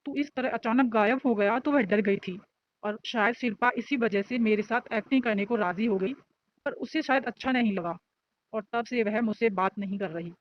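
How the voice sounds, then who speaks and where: A woman's voice: fairly high pitch, moderate pace, lo-fi sound, natural voice. A woman voicing a shy, lovestruck young male student who talks earnestly and defensively.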